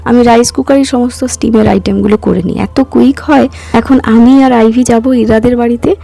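Hoarse, gravelly woman vlogger. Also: a little high, fairly even intonation, moderate pace, mellow, faint music behind. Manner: chatty, walks viewers through each step. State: hoarse from a cough. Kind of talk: casual vlog narration.

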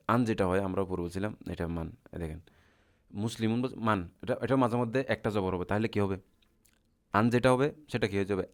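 Low-voiced man teaching grammar. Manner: asks the class questions and answers them himself, patient and repetitive. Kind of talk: classroom lecture.

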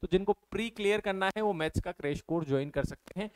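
Man teaching maths, smooth voice. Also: high-pitched, fast, no room sound. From India. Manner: explains step by step, keeps asking the viewers questions and answering them. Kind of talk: exam-prep maths lesson.

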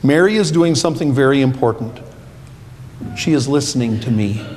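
A man reading a calm, patient male teacher in a children's Bible story, in a slow, soothing way. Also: medium pitch, lightly acted. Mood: gentle. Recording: echoey church hall, faint hum.

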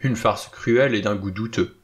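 A man's voice: fairly low pitch, normal speed, close to an everyday voice. A man reading an audiobook, voicing a brusque middle-aged doctor who speaks soothingly. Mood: brisk. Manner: calm, reassuring.

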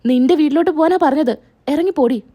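A woman's voice: sits high, fast talker, mellow, natural voice. A woman voicing an angry husband ordering his wife out of the house, harsh and commanding. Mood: furious.

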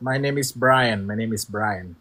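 A man in his twenties playing a young man who claims to be Korean, in a comedy sketch, babbling halting, garbled broken English with many repeated words. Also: on the low side, pushed and bright, exaggerated voice, rough recording. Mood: insistent. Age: 20s.

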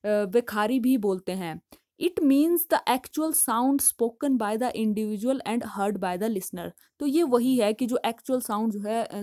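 A woman explaining a study topic in a patient, step-by-step way, reading English lines slowly before explaining them. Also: on the high side, darkish tone, no room sound, clean studio sound. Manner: explanatory, patient, with frequent filler phrases. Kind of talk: study lesson in Hindi mixed with English.

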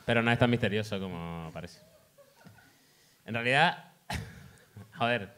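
A man's voice: on the low side, measured pace, a bit bright. A man with a Canarian Spanish accent, hosting a comedy talk show with loose, joking banter. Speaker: comedian host.

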